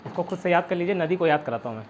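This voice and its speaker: A high-pitched man with a Chhattisgarh Hindi accent teaches an online exam-prep class. He is chatty and keeps quizzing his students with memory tricks. The recording is dull and lo-fi, with a faint hiss behind him. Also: expressive, very fast. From India. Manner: chatty, repeats "theek hai", quizzes students with mnemonics.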